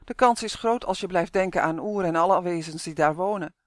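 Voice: medium pitch, fairly quick, no echo, studio quality, lightly acted. Voorlezer als wijze oude vrouw, zacht, geruststellend, droge klank. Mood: gentle. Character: kind, wise old woman, calm and encouraging. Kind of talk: audiobook character voice.

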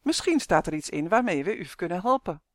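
A storybook reader voicing a brisk, practical dwarf girl who talks in a bossy, impatient way. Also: mid-range voice, very animated, no echo, studio quality, close to an everyday voice.

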